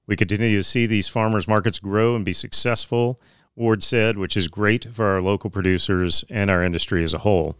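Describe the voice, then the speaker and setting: A man's voice: on the low side, fairly even intonation, brisk, fairly bright tone, clear, resonant tone, no room sound. A man in his thirties reading agricultural news items in a small podcast studio, with occasional fillers and restarts. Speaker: podcast co-host. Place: small studio office with bookshelves. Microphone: studio mic on boom arm, headphones.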